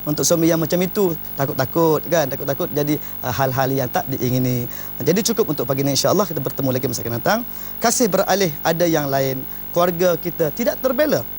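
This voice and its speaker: Brisk man giving marriage advice. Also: fairly high pitch, a little mellow, faint music behind. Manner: emphatic, often opens lines with "ha". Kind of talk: informal advice talk.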